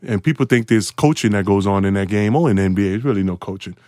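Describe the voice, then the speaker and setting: A man in his forties, a podcast guest, telling an animated story. He laughs often and jumps into high, excited voices. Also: fast talker, dry recording, clean studio sound.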